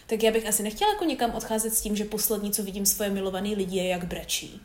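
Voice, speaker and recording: A woman's voice: mid-range voice, darkish tone, roomy sound, a little hiss or hum. A woman in casual conversation, thinking aloud with many fillers. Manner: thoughtful, musing, many fillers. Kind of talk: casual chat.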